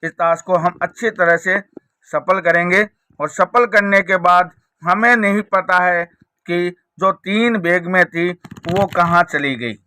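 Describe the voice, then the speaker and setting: A man's voice: high-pitched, takes it slowly, sharp tone, no echo. A man presenting a card trick tutorial, explaining it step by step with repeated rhetorical questions. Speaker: magic trick teacher and presenter.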